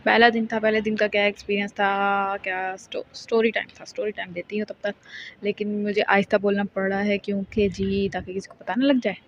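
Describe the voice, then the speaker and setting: A woman's voice: mid-range voice, level tone, a little fast. A young woman, telling a rambling storytime in a casual vlog. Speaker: vlogger. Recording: muffled phone audio with noise.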